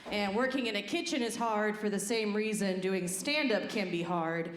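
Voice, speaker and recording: A woman in her thirties from the Midwest performing a stand-up comedy set, telling stories deadpan and breaking into silly voices and sung bits. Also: mid-range voice, moderate pace, a little hiss or hum. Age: 30s. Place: comedy club stage. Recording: roomy live club sound.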